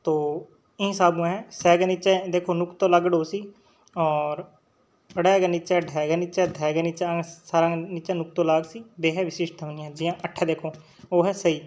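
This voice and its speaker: A man's voice: fairly high pitch, flat delivery, normal speed, highs cut off. A man with a Rajasthani accent teaching an exam-prep lecture, sounding out letters and often checking in with his students. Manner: drills sounds aloud, checks in with "theek hai" often.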